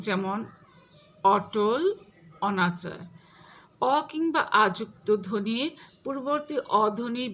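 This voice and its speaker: Slow bright-voiced woman teacher. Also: fairly high pitch, a little hiss or hum. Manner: slow, patient, lists examples word by word. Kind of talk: slow explanatory grammar lesson.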